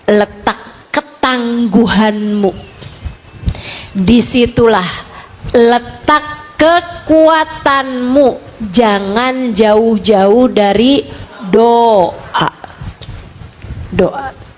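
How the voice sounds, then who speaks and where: A woman preacher giving an expressive sermon to women, acting out prayers and children's cries and swinging from soft to loud. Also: fairly high pitch, slight background noise. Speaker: Islamic preacher.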